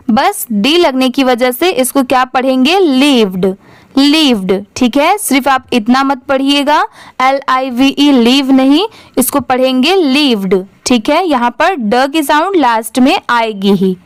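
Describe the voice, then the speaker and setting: A young woman teaching English reading, spelling words out letter by letter and repeating each one slowly. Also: sits high, smooth, dry recording. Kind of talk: slow spelling-out lesson in Hindi.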